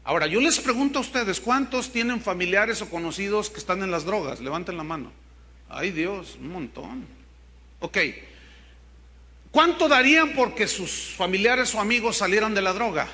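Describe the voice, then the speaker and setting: With a high, sharp, animated voice at a moderate pace, an older pastor from Mexico delivers a sermon. Speaking in a Mexican Spanish accent, he spins funny stories and trades jokes with the congregation.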